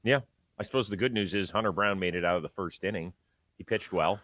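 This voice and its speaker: Man, sports talk host, forceful bright tone, emphatic conversational commentary, dry close sound. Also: deep voice, fast, no room sound.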